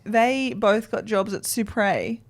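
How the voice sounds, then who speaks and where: A woman's voice: medium pitch, slow. A woman, a band member guest, teasing playfully in casual conversation. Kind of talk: casual chat.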